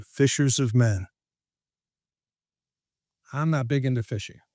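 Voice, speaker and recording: Lively joking male speaker, dry sound. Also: mid-range voice, slow, no echo. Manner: lively, jokey, laughs at his own lines. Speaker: podcast guest, professional speaker and trainer. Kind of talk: animated storytelling in conversation.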